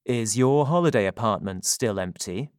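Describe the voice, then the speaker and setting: A man voicing a worried, guilty man who speaks in a measured, earnest way. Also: fairly low pitch, animated, clear, resonant tone, no echo, studio quality, natural voice. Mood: urgent. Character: worried Englishman, quietly guilty.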